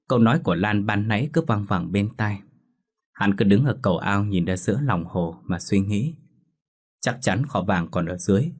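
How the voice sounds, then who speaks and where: A man narrating a ghost story audiobook with a steady, dramatic delivery. His voice is low and husky, with a breathy edge.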